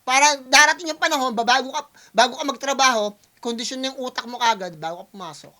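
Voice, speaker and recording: Extremely high-pitched, fast, bright and forceful, this is a man's voice. A music producer reacting to a rap battle, he chats with viewers in long-winded Taglish, laying things out step by step and frequently asking "di ba?"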